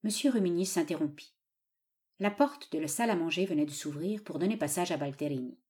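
A woman's voice: lowish voice, animated, a little fast, darkish tone. Woman narrating a novel evenly. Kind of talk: audiobook narration.

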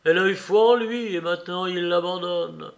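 A man voicing an older, grieving father who rants with loud, impassioned outbursts of rage and anguish. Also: high-pitched, takes it slowly, gravelly, highs cut off, pitched above the performer's own voice, full character voice. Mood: enraged grief. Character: older grieving father, a mayor, enraged and vengeful. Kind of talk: audiobook reading.

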